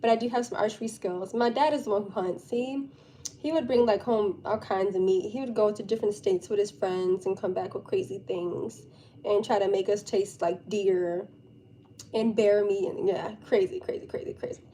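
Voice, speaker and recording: A woman's voice: medium pitch, normal speed, low-quality recording. A young woman live streamer chatting casually and informally with her viewers, with a giggly, chatty manner. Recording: steady background noise.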